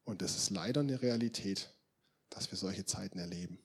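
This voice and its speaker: A young man preaching a sermon in a casual, direct way, talking straight to the congregation and swinging between loud emphatic bursts and quiet, intense murmurs. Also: low voice, normal speed, breathy edge.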